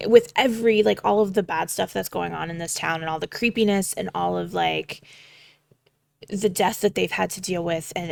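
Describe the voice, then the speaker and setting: A young woman talks through her game prep out loud, rambling and swearing casually as she thinks. Her voice has a gravelly, fry-tinged edge, and the sound is dry and close. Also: lowish voice, no echo. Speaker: game master prepping a campaign. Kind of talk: casual thinking-aloud vlog.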